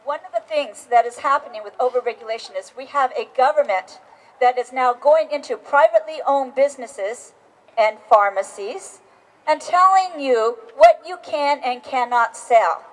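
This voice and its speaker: A woman with a high voice delivers a political speech outdoors at a rally. She is emphatic and insistent, often restarting her phrases as she presses each point. She sounds middle-aged. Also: moderate pace, rough recording. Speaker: rally speaker. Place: outdoors on capitol steps.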